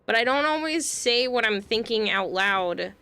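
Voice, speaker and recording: Gravelly, bright-voiced woman streamer. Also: on the high side, lively intonation, moderate pace, no room sound. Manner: rambling, chatty, filler-heavy. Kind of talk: casual livestream chat.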